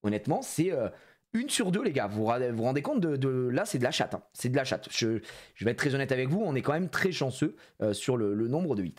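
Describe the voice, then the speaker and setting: A man streaming live as he opens trading cards, excitable, swearing and bantering with his chat. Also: mid-range voice, a little fast. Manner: excitable, swears, shouts when disappointed; animated, playful banter with chat. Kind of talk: live card-opening stream.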